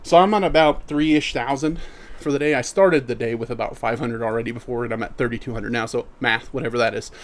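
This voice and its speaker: A man's voice: medium pitch, fast talker. Easygoing man streaming, walking in place. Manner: reads chat messages aloud and answers them easygoingly; walking in place while talking. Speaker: live streamer. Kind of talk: casual live-stream chat.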